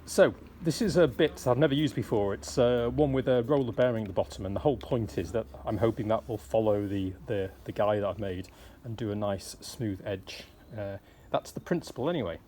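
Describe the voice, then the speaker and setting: A man's voice: on the low side, a little fast, a little mellow, slight background noise. A middle-aged man casually talking through his boat fit-out on camera, rambling with fillers and restarts and poking fun at himself. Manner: rambling, many fillers and restarts, self-deprecating. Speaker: vlogger fitting out a narrowboat. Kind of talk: casual self-filmed build vlog. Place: outdoors on a boat roof and inside a boat workshop.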